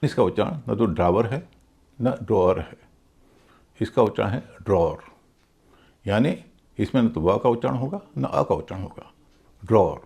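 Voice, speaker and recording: A man teaching English pronunciation, slowly spelling out words letter by letter and repeating each one. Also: lowish voice, expressive, creaky, darkish tone.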